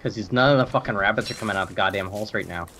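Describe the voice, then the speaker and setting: A man's voice: on the low side, racing, fairly bright tone, slight background noise. A man playing a co-op game with friends, teasing them playfully and slipping into silly voices. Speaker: co-player. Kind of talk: casual gaming chat.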